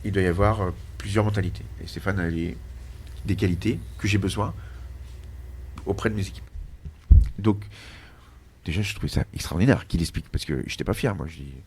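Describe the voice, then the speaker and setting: Deep-voiced French chef telling stories. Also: male voice, fairly quick, pauses often, slightly rough. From France. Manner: animated anecdotes with frequent restarts and fillers. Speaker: chef being interviewed. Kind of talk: casual interview storytelling.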